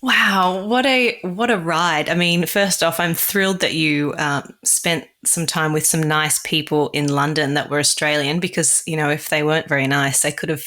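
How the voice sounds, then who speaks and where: A woman's voice: low voice, fairly even intonation, moderate pace, few pauses, bright, forceful tone. A woman hosting a podcast interview, reading the intro and then reacting with eager enthusiasm. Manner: enthusiastic, effusive. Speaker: podcast host.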